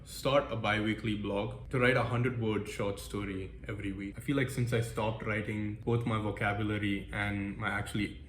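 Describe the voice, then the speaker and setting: A man's voice: lowish voice, fairly even intonation, normal speed, few pauses. A young man from the United States talking casually through his goals in a vlog, upbeat and self-deprecating. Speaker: vlogger. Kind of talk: casual goal-setting vlog. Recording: echoey room with faint background noise.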